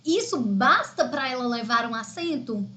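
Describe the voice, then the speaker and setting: Bright, high-voiced Brazilian woman teacher. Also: animated, normal speed. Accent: Brazilian Portuguese. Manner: chatty, explaining step by step with frequent "né?" and "tá?". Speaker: Portuguese teacher. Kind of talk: live online exam-prep lesson.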